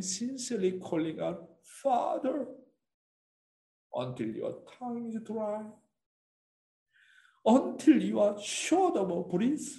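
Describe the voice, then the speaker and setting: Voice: medium pitch, gravelly, mellow. A preacher giving an impassioned sermon in broken non-native English, pleading and emphatic. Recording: echoey room.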